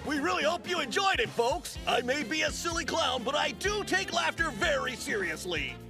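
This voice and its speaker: Silly clown ringmaster for a game, really high voice, swoopy showman delivery, loud music behind. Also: big pitch swings, moderate pace, heavily acted. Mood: showy, proud. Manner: silly clown showmanship, booming announcer flourishes. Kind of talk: video game character voice acting.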